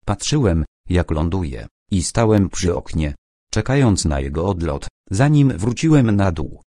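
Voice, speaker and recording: A man reading the part of Dr. Swan, a nervous, defensive middle-aged man, in a low steady voice. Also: a little slow, no echo, studio quality, heavily acted. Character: doktor Swan, nerwowy mężczyzna w średnim wieku.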